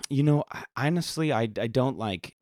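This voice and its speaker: A man talking candidly as a podcast guest, reflective and halting, with many restarts. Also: mid-range voice, animated, a little mellow, no room sound. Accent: American. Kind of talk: candid casual conversation.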